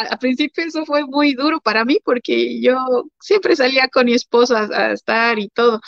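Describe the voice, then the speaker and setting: A woman's voice: fairly high pitch, no room sound. Casting: Mexican woman guest, chatty, lots of fillers, dry lo-fi recording. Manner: chatty, many fillers, acts out quoted voices. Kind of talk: casual testimony chat. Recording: dry, dull lo-fi sound.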